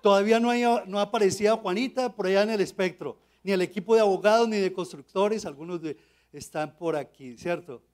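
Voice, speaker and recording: A man's voice: high-pitched, brisk. A man, a pastor telling a personal testimony to his congregation, often asking them to agree. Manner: storytelling with rhetorical questions to the audience. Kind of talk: sermon testimony.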